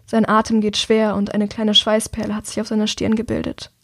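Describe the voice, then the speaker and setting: A woman reading a novel aloud in calm, measured scripted narration. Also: mid-range voice, dry recording, studio quality. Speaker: audiobook narrator.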